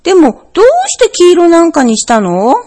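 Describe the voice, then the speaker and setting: A woman voicing a curious, eager little bear cub boy, asking wide-eyed questions in a husky childlike voice. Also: high-pitched, big pitch swings, normal speed, dark tone, pitched above the performer's own voice.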